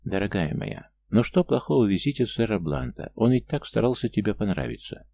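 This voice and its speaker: A male narrator reading a noble mother in an audiobook, soft and coaxing as she explains herself. The voice stays low, mellow and slightly gravelly. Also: very animated, a little fast, full character voice. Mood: coaxing, apologetic. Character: gentle aristocratic mother, apologetic.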